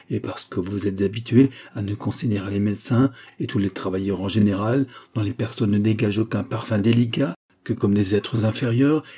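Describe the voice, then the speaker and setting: A man's voice: medium pitch, mellow, breathy edge, close to an everyday voice. A man voicing a bitter, grieving male doctor who lashes out indignantly, hammering each word.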